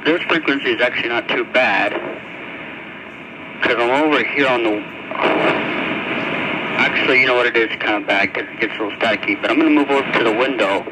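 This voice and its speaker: With a mid-range voice, this man talks briskly but leaves long pauses while demonstrating radios hands-on in a casual hobby video, rambling and thinking aloud as he goes. The phone camera picks him up at varying distance. Static and shortwave radio noise run through the noisy recording.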